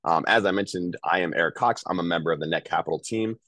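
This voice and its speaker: A man's voice: low-pitched, fast talker, fairly bright tone, dry recording. A man with a nasal voice from a cold, hosting a webinar in an upbeat, chatty way over a video call. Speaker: host. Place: home, calling in.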